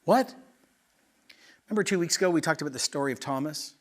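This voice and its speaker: A middle-aged male pastor from Canada, preaching in an animated, conversational way with rhetorical questions and quick asides. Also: on the high side. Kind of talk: sermon.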